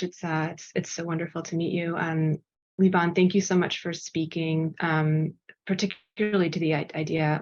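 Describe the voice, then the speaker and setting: A woman's voice: sits low, darkish tone, highs cut off. A woman moderating an online panel, appreciative and hesitant, with many fillers.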